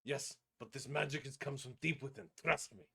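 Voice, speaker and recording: A man's voice: medium pitch, animated, moderate pace, creaky, fairly bright tone, husky, heavily acted. A man voicing a terse half-giant male wizard who answers bluntly and guardedly. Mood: gruff.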